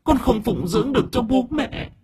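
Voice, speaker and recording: A man voicing the ghost of a young daughter, speaking softly and mournfully in an audiobook. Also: extremely high pitch, expressive, husky, pitched above the performer's own voice, heavily acted. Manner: soft, mournful, slow.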